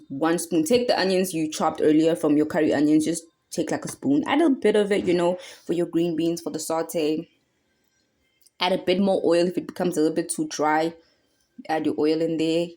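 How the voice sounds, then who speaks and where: This young South African woman has a deep, mellow voice and speaks with a steady tone at a moderate pace. As a cooking vlogger in a casual tutorial, she guides viewers through a recipe in a playful sing-song, chanting as she stirs.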